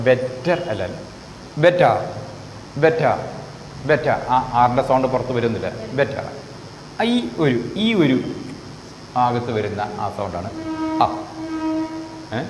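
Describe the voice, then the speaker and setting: A man with a Malayali accent teaches English vowel sounds, drawing out each example word and asking questions as he goes. His voice sits mid-range and carries a long echo from the room. A faint hiss hangs behind it. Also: medium pitch. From Kerala, India. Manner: repeats example words slowly, asks rhetorical questions. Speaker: phonetics teacher. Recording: echoey room with faint background noise.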